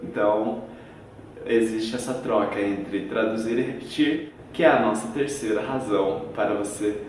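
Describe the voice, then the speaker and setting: A man's voice: fairly low pitch, fairly even intonation, normal speed, darkish tone, slight background noise. A man with a Brazilian Portuguese accent explains a language lesson in a didactic way, walking through examples step by step. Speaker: English teacher. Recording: very echoey room, far from the mic.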